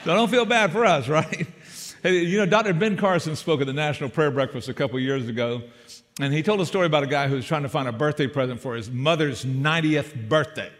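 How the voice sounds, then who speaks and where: A man's voice: fairly high pitch, quick pace, a bit bright, in a large hall. An older man with a South Georgia accent preaching as a guest pastor, folksy and joking and calling for amens. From Savannah, Georgia. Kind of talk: sermon. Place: church sanctuary.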